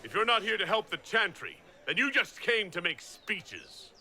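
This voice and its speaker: A man's voice: sits high, sing-song, normal speed, bright, forceful tone, full character voice. A man playing a bold, defiant young hero in a fantasy game, assertive and direct. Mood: challenging.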